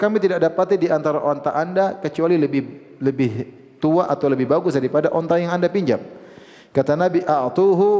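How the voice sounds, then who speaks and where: Lively man preaching in a hall. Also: fairly high pitch. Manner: lively storytelling, acts out quoted voices. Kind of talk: Islamic lecture.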